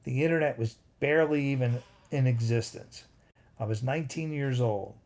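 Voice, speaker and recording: On a casual home livestream, a man in his fifties speaks at normal speed in a gravelly, dark, medium-pitched voice. He meanders through an old story and keeps pausing to say hi to chat viewers.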